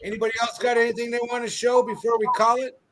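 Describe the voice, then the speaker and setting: Man, high voice, host, jokey, short interjections. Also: flat delivery, fast, crowd noise. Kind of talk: casual chat.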